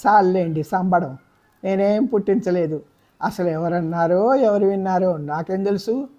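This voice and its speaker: A woman's voice: low voice, animated, a little slow, mellow, slightly rough, dull audio, exaggerated voice. A woman reading a novel aloud, voicing a scheming stepmother who scolds curtly. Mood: scolding. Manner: scolding, curt. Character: scheming sharp-tongued stepmother.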